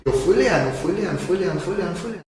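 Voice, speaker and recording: A pastor with a Brazilian Portuguese accent tells a personal testimony in a podcast, in an earnest storytelling manner and repeating phrases for emphasis. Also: male voice, high-pitched, animated, fast, a little mellow. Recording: very echoey room, distant mic, faint noise.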